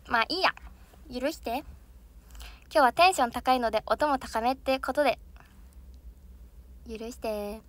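Bubbly high-voiced young woman livestreaming. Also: moderate pace, pauses often. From Japan. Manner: bubbly and chatty, laughs often, sings snippets. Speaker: idol trainee livestreaming. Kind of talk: casual livestream chat to viewers.

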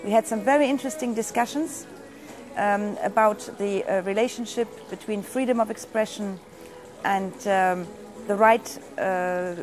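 A woman's voice: medium pitch, a little slow, faint music behind. A woman organizer giving a composed interview answer with a few fillers. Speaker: event organizer.

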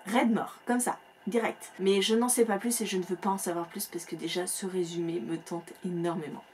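A woman's voice: fairly low pitch, fairly even intonation, moderate pace. Woman book vlogger, casual chatty delivery, lots of fillers, home setup with faint hiss. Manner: chatty, warm enthusiasm with many fillers. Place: home room with bookshelves.

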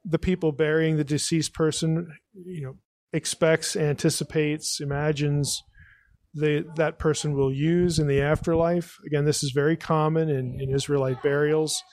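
A man's voice: on the high side, level tone, normal speed, darkish tone, no room sound. A podcast host answering an audience question at a live event. He thinks aloud, often restarts, and keeps saying "again" and "you know".

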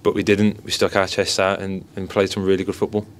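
A young male goalkeeper with a deep-ish, level voice answers briskly and modestly in a post-match interview, repeating stock phrases. He speaks into several handheld mics and phones held close in an indoor press area by a sponsor board, with a little hiss or hum in the audio.

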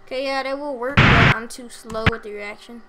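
A young woman talks over her gameplay in a high, bright voice, chatty and self-mocking, breaking into loud excited bursts. Clear background noise and mouse clicks sit under her home recording. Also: a little fast. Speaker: gameplay commentator. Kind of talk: casual gameplay commentary.

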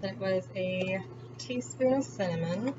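In an unhurried, mid-range voice, a woman talks informally and muses aloud while cooking for her home vlog. The sound, captured by a camera on the counter at a distance, is far away and dull, with heavy background noise.

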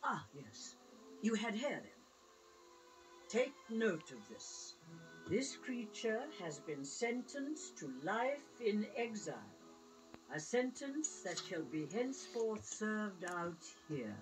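A woman's voice: medium pitch, very animated, slow pace, over music, low-quality recording. A woman in an amateur fan dub voicing a stern, commanding alien councilwoman with formal, declamatory delivery. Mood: solemn, formal. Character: stern, imperious alien grand councilwoman, weighing rules and justice.

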